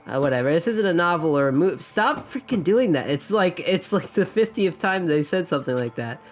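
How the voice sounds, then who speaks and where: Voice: medium pitch, lively intonation, a little fast, faint music behind. A streamer doing blind playthrough commentary, reading game dialogue aloud with sarcastic asides and laughs.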